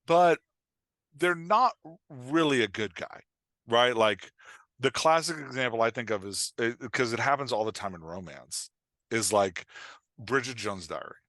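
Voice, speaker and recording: On a podcast, a male guest author and dialogue coach explains writing in an informal, emphatic way, using quoted examples. His medium-pitched voice is expressive, unhurried and fairly bright, with no echo.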